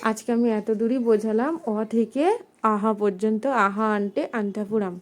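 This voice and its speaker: A woman teaching at home, speaking casually and patiently, repeating letters slowly and drawing out the sounds. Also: medium pitch, fairly even intonation. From India. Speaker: teacher of a language lesson. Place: home, with her small son nearby.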